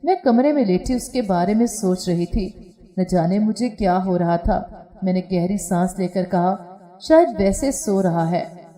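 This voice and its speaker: Mellow-voiced woman narrating a story. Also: fairly low pitch, normal speed. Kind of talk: first-person scripted narration.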